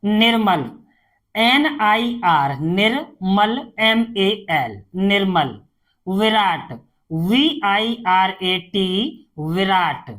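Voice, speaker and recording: A woman's voice: mid-range voice, lively intonation, drawn-out words, a bit bright. A woman tutoring a beginner spelling lesson, reading each word, spelling it letter by letter, then repeating it. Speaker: English tutor.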